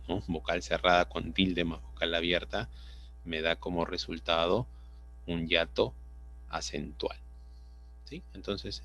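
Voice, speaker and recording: A man's voice: sits low, vocal fry, sharp tone, slight background noise. A man with a Peruvian Spanish accent teaching an online class, explaining patiently and often checking understanding with tag questions. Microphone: computer mic on a video call. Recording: dull lo-fi video call audio.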